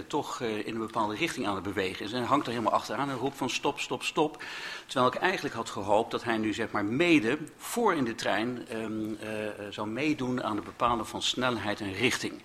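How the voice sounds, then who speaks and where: A man's voice: mid-range voice, a bit bright, slight background noise. A man speaking as a guest in a political debate, building his point with imagery and many filler sounds. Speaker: panel guest.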